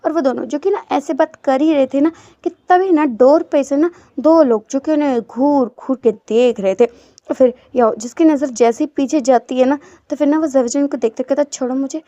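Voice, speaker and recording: High-voiced woman telling a fan story. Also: normal speed, mellow, no room sound. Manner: chatty, loose filler-heavy retelling. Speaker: story narrator. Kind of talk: casual fan-fiction storytelling. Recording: dull lo-fi dry recording.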